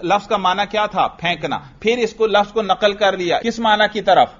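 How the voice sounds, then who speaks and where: Urdu-accented man teaching, high voice. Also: a bit bright, highs cut off. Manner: explains step by step with rhetorical questions. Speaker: teacher of Arabic grammar. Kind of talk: classroom lecture.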